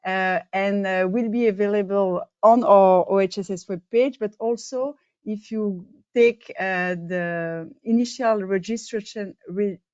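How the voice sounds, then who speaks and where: Hosting an online meeting as co-chair, a woman from Belgium speaks at a measured pace with a medium pitch and a clear, resonant, slightly mellow tone. She hesitates and leans heavily on fillers. Her video call audio has no echo but sounds dull and dry.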